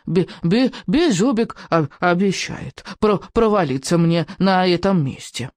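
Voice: mid-range voice, expressive, unhurried, darkish tone, no room sound, lightly acted. A reader voicing a tiny mischievous male baby dragon who stutters on almost every word. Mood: earnest. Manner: stutters on syllables.

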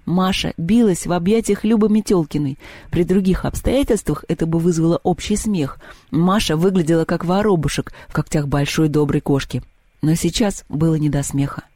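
A man narrates a story in an expressive audiobook reading. His voice sits slightly high yet mellow, and the recording is dry and close. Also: moderate pace, no room sound. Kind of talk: scripted narration.

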